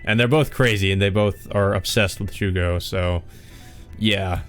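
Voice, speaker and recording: Man, lowish pitch, let's play narration, casual rambling asides, faint background music. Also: fairly even intonation, a little slow, fairly bright tone. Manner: informal, sweary, rambling asides. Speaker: let's play host reading aloud. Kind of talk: visual novel narration with casual commentary.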